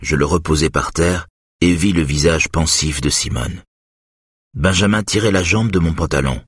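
A man narrating a novel in the first person, telling the story in a measured, expressive way. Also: deep voice, breathy edge, no room sound, clean studio sound. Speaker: audiobook narrator.

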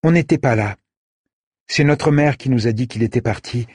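A man's voice: mid-range voice, normal speed, darkish tone, husky, dry recording, pitched above the performer's own voice, natural voice. A man voicing a young girl who speaks in a plain, sober way.

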